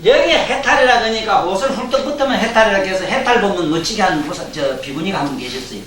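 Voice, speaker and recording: Speaking fast and animatedly in a high-pitched voice, an older Gyeongsang-accented man gives a Buddhist dharma talk full of folksy jokes and questions for his audience, with a crowd audible in the background. The lecture hall sounds roomy, picked up by a distant mic with faint hiss.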